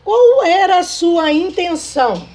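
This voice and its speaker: A woman's voice: very high-pitched, sing-song, slow pace, a little mellow. A woman teaching a remote lesson to young children, in a patient sing-song manner, checking often that they follow. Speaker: primary school teacher.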